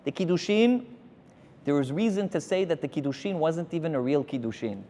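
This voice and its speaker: A male rabbi lectures his congregation, his fairly high voice swooping up and down as he spins a story. He keeps turning to the crowd to ask and prod them. The sound rings with a long hall reverb. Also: brisk. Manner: animated storytelling, addressing the crowd directly.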